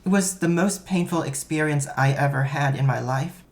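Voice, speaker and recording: A man's voice: a little high, normal speed, vocal fry. A man reading a first-person story aloud, in a wry, self-mocking storytelling manner. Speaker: narrator.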